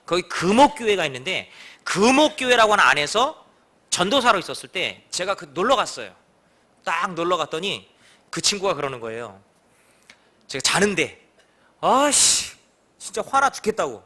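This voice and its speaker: A man's voice: high-pitched, moderate pace. A male pastor giving a sermon, telling stories and acting out the voices of the people in them. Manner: animated, acts out quoted voices. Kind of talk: sermon with storytelling.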